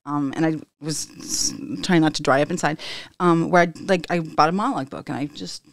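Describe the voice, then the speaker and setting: A woman's voice: low voice, fairly quick, no echo, studio quality. Chatty woman hosting a podcast. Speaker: podcast host. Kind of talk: casual conversation.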